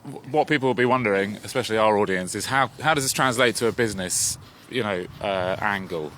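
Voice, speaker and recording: A man's voice: lowish voice, quick pace, bright, forceful tone, slight background noise. A man co-hosting a podcast on a walk outdoors, asking rambling, hesitant questions. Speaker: podcast co-host, interviewer. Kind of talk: casual walking conversation.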